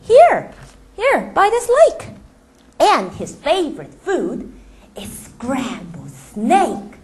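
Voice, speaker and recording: A woman's voice: sits high, wildly swooping pitch, extremely slow, pitched above the performer's own voice, full character voice. A woman voicing a small, clever and cheeky mouse in a storybook read-aloud, with bold, emphatic lines. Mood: smug.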